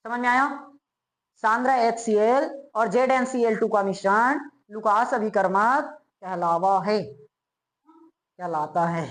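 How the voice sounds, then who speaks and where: A woman's voice: medium pitch, slow, rough recording. A woman teaching a chemistry lesson, asking students repeated check questions and then answering them herself. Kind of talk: classroom lecture.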